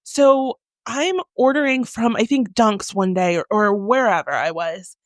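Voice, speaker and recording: A woman in her forties, co-hosting a podcast in a small studio room, telling stories animatedly and acting out scenes with loud exclamations. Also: mid-range voice, a little slow, dry recording. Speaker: podcast co-host. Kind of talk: casual chat.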